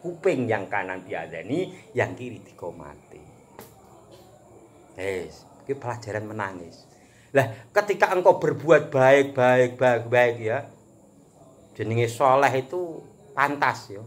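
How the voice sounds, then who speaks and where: Male preacher, Javanese accent, casual sermon, mid-pitched voice with lively melody, jokey. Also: slow. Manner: animated, chuckles often, mixes teaching with jokes. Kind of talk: casual religious talk.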